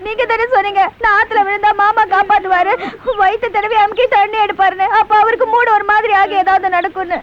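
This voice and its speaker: A woman's voice: very high voice, steady tone, fast talker, hardly any pauses. An actress playing a young village woman who pleads and nags urgently in a film scene. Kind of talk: film dialogue. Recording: dull old film soundtrack with music.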